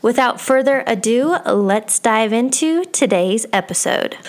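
This is a woman hosting a motivational podcast: she reads an upbeat scripted intro and then puts interview questions to her guest. Her voice is a little high, animated, and unhurried.

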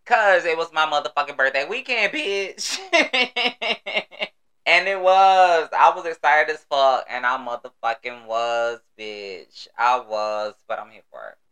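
A man with an American accent and a bright, crisp voice, chatting solo as a podcast host. He is sassy and exuberant, leaning hard on emphatic phrases and swearing freely in loose slang. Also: a little high, lively intonation, slow pace. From United States. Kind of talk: casual solo podcast chat.

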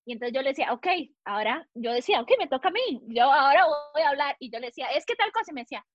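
A woman's voice: sits high, big pitch swings, racing, dry recording, lo-fi sound. A woman guest in a casual chat, animatedly telling a personal story.

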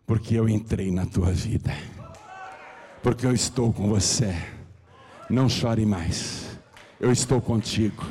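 A man with a Brazilian Portuguese accent preaching a sermon as pastor, his voice swinging from hushed to shouting. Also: lowish voice, vocal fry, breathy edge, in a large hall.

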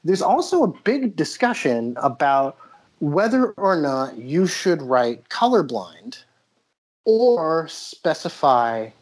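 The audio is poor as this American podcast host and playwright spins animated stories in a casual interview, leaning often on "you know." He speaks slowly, on the high side, with big pitch swings and a breathy edge.

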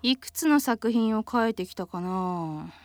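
In a radio drama, a woman plays an easygoing, dreamy young aspiring cartoonist who sighs and muses to herself. Her voice sits on the high side, expressive and unhurried, with no echo. The mood is nostalgic.

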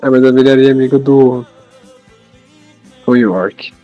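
A man's voice: mid-range voice, fairly even intonation, a little slow, dull audio, soft background music. A man with a Brazilian Portuguese accent talking casually and slangily among friends. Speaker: podcast participant.

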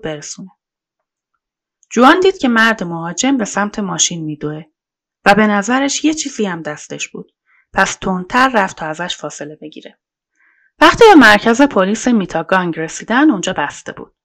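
Female podcast narrator, true-crime reading, casual measured delivery, some vocal fry. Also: medium pitch, fairly bright tone. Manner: colloquial, measured storytelling.

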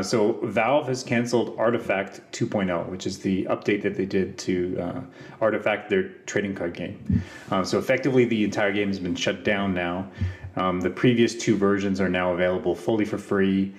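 Male co-host, slightly deep voice, talking through updates and opinions informally. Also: fairly even intonation, normal speed. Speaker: podcast co-host reading news updates. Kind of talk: informal news rundown with commentary.

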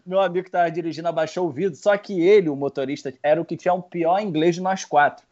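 A man's voice: a little high, fast. A man casually telling friends a story and acting out the voices of the people in it. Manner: animated, acts out voices in his story. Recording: dull lo-fi sound.

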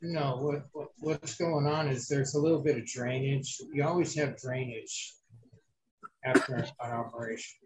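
A man chatting casually in a gravelly voice, scratchy from a sore, inflamed throat, plain-spoken and matter-of-fact. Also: medium pitch, fairly even intonation, measured pace, a little mellow. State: bruised, inflamed throat after surgery. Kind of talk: casual chat.

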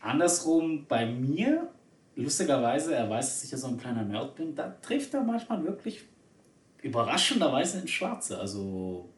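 A man's voice: mid-range voice, sing-song, moderate pace, echoey room. A man from Spain in casual conversation, chatty and hesitant, with many fillers. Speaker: conversation partner. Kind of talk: casual chat.

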